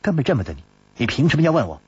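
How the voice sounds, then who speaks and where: Casting: man playing a haughty young swordswoman, shrill, indignant, lively pitch, dull lo-fi audiobook sound. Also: racing, slightly rough. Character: proud hot-tempered young swordswoman.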